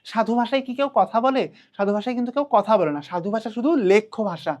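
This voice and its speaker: A woman's voice: on the high side, fast, a little mellow. A young adult woman with a Bangladeshi Bengali accent, teaching an online class and answering her own questions as she goes. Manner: asks questions then answers them herself.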